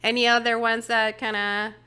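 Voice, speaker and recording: Chatty workshop leader, a woman speaking English as a second language; bright, forward voice. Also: on the high side, level tone, moderate pace. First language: not English. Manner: chatty, uses many fillers and "right?". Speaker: workshop facilitator. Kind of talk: casual workshop teaching.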